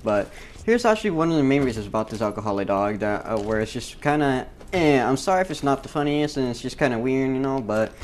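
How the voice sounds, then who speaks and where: A man's voice: mid-range voice, slight background noise. A man, a gaming YouTuber, talking casually over gameplay in a rambling, profane way with lots of fillers.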